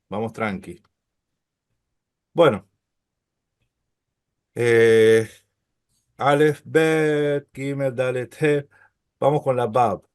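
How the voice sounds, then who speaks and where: A middle-aged man guides a live Hebrew class, sounding out each letter at a very unhurried pace. His voice sits in a middle register and is recorded dry and close, with no room echo. He keeps checking that students follow with a gentle "¿sí?". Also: medium pitch. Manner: patient, slow letter-by-letter explanations with frequent "¿sí?" checks. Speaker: Hebrew teacher. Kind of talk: live online Hebrew lesson.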